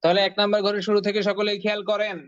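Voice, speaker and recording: A man teaching Quran reading online, patiently repeating phrases and drilling syllables slowly with his students. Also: high voice, completely flat delivery, fairly bright tone, clear, resonant tone, dry recording. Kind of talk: online Arabic letter lesson. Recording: dull dry lo-fi sound.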